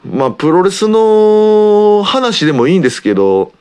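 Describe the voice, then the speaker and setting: A man with an Osaka Kansai accent hosting his own podcast, talking casually and rambling with lots of filler pauses. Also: high-pitched, sing-song, darkish tone, clear, resonant tone. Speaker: podcast host, pro wrestler. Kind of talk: casual solo radio-style talk.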